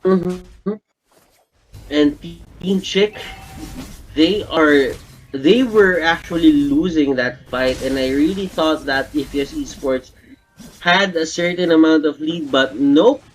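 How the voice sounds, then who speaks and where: A man doing live play-by-play commentary on an esports match, shouting high and excited in big plays. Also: takes it slowly, a little hiss or hum, low-quality recording. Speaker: esports caster.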